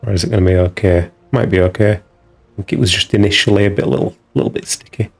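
A man's voice: low voice, fairly even intonation, fast talker, creaky, faint music behind. A man giving casual, musing commentary while streaming a video game, talking half to himself as he tinkers with settings.

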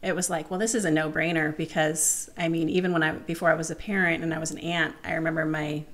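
A woman's voice: low-pitched, flat delivery, fast talker, a bit bright. A middle-aged woman speaking in an earnest, explanatory way in a casual round-table discussion. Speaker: panel guest. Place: living room, seated at a round table. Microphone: table-mounted microphone.

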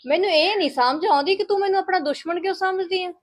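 A high-voiced village wife scolds her sister-in-law with a sharp, sarcastic tongue, played by a woman. This is family skit acting with plenty of lecturing. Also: fast talker.

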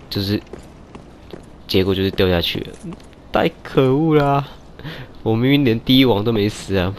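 Excitable man playing a game. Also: fairly low pitch, slight background noise. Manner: excitable, shouts and groans at deaths, teasing banter with enemies. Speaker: gaming YouTuber. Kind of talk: casual let's-play commentary. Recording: game music playing behind.

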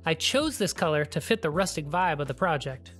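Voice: medium pitch, expressive, fairly quick, a bit bright. A DIY channel host giving a plain, practical, step-by-step tutorial voice-over.

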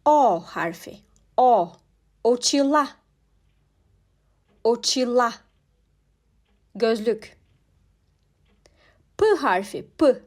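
A young woman teaching a language lesson, sounding out letters and example words with deliberate care. She speaks at an extremely slow, measured pace in a slightly high voice. Each word comes twice, clearly pronounced for learners. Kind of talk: slow spoken alphabet lesson.

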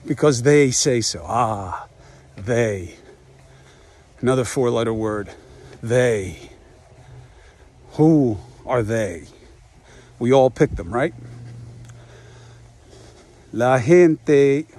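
A podcast host in his fifties delivers a reflective monologue while walking outdoors, musing aloud and posing rhetorical questions. His medium-pitched, darkish voice is expressive and very slow, with frequent pauses.

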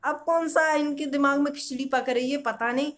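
A man's voice: very high-pitched, steady tone, moderate pace, fairly bright tone. A young man playing a whiny teenage son who pleads with his parents for a toy in a comedy sketch. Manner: whining, pleading.

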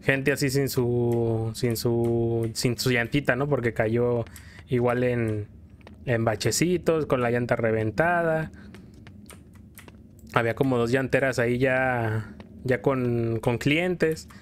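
Over background video game music, this Mexican man streams a game in a mid-range voice, steady and slow, spinning casual, slangy stories and commenting on play. There's slight background noise.

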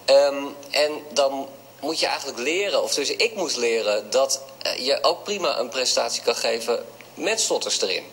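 A man with a stutter answers interview questions thoughtfully, often repeating sounds and pausing on fillers. Faint background noise runs under his middle-pitched voice. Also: animated, a bit bright, rough recording. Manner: stutters, hesitant and reflective. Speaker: interview guest.

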